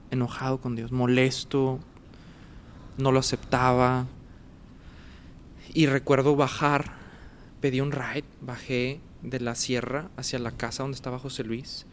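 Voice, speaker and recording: A man's voice: mid-range voice, noisy background. A man, casually telling a personal story as a guest and acting out the dialogue and sounds. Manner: animated, acts out dialogue and sounds.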